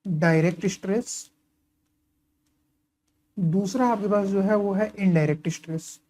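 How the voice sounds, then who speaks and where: A man's voice: unhurried, darkish tone. A man tutoring engineering students in a casual lecture, often posing questions and answering them himself while checking in with "okay" and "right". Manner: keeps asking and answering his own questions, frequent "okay" and "right" check-ins; writes and highlights while talking. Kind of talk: casual lecture explaining course material.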